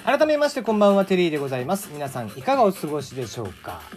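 A man talks through his own solo show in a loose, rambling way, catching and fixing his slips as he goes. His pitch swings widely from phrase to phrase, and soft music sits faintly under his voice. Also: huge pitch swings, very fast. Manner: chatty, rambling, self-correcting. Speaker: podcast host. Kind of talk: casual solo radio talk.

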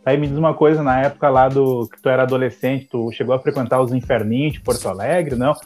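A man, interviewing in a relaxed, encouraging way. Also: mid-range voice, quick pace, soft background music. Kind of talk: casual interview.

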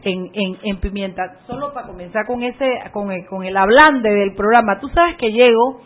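A woman's voice: medium pitch, moderate pace. A woman hosting a radio show, chatting casually and acting out voices as she tells stories. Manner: lively, chatty, acts out voices in anecdotes. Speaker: radio host. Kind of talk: casual radio chat and storytelling. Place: radio studio booth. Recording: narrow phone-like radio audio.

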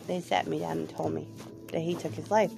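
Hosting her own podcast, a woman speaks candidly in a personal monologue, peppering it with hesitant ums. Her low-pitched, creaky voice moves at normal speed and sounds a little off from a cold.

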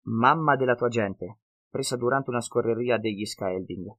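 A man voicing a cunning half-blood northern wanderer who speaks slow, broken, ungrammatical sentences in an audiobook. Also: medium pitch, fairly bright tone, natural voice. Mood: philosophizing.

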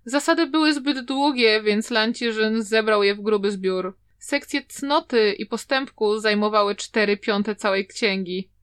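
A woman reads a novel aloud as narrator, telling the story steadily and evenly. Her voice sits high for a woman, clear and unhurried between the character lines. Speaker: audiobook narrator. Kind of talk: audiobook narration.

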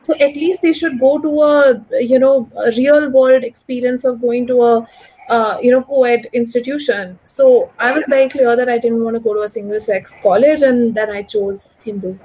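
A high-leaning, mellow and husky female voice comes through a low-quality recording at normal speed. She is an economist of about thirty, a guest in a conversational interview, with a posh, educated Delhi Indian English accent. Her answers are articulate and opinionated, frequently peppered with "like" and "you know."

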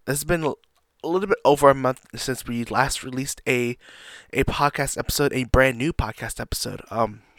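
Slightly raspy, under-the-weather male podcast host. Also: mid-range voice, fairly bright tone, no room sound. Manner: halting, often repeats himself. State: under the weather, feeling sick with a cough. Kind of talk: casual solo podcast talk.

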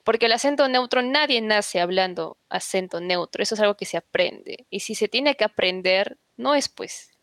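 A woman's voice: medium pitch, animated, moderate pace, hardly any pauses, fairly bright tone, dry recording. A woman, a podcast guest in casual chat, telling anecdotes and explaining things at length.

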